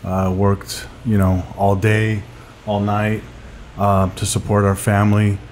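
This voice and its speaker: A man's voice: lowish voice, completely flat delivery, takes it slowly, a little mellow, a little hiss or hum. A middle-aged man from Glendale, California, a sales coach speaking unhurriedly as a podcast guest, with many fillers and restarts. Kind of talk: casual interview.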